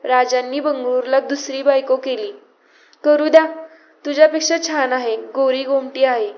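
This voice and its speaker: A firm, teasing queen mother of an old storybook, who scolds her young daughter-in-law and then softens, as a woman reader puts her on. Her voice sits high. The audiobook sound is a little muffled. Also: fairly even intonation, moderate pace, lightly acted. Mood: teasing, scolding. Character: commanding affectionate queen mother, older woman.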